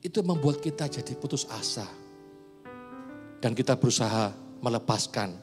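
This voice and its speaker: A man preaching a sermon as a pastor, swinging between loud points and hushed asides. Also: medium pitch, animated, moderate pace. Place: church hall. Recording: reverberant church hall with soft music.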